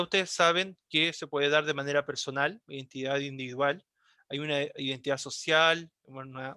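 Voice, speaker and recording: A man, a high school teacher explaining a lesson and often checking in with his class. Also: pushed and bright, dry recording, studio quality. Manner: explanatory, checks in often with a quick tag question.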